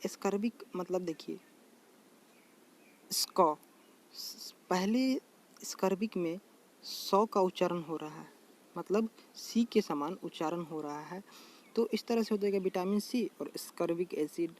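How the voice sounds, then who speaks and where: His voice sits high with a darkish color as he walks viewers through general knowledge in a relaxed, repetitive way. Addressing them as friends, he repeats terms slowly, with a little noise in the background.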